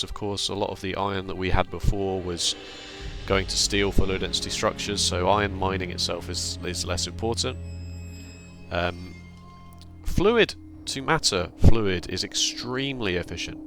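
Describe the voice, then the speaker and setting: A low-pitched man talks through his game build in an easygoing, matter-of-fact way, his tone bright and forward. Dry, self-mocking asides break up the step-by-step explanation. Soft music runs quietly underneath. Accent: British. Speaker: gaming channel host. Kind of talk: casual gameplay commentary. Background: faint background music.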